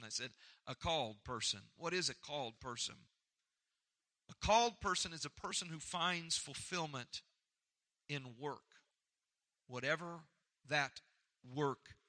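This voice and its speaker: A man preaching a motivational sermon with emphatic, repetitive oratory, swinging between loud and soft and calling on listeners to respond. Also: fairly high pitch, takes it slowly, pauses often. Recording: echoey hall with long reverb.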